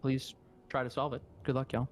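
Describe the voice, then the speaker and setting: A man's voice: medium pitch, little pitch movement, fairly quick, a little hiss or hum. A man acting as game master, casually narrating a tabletop game and guiding the players.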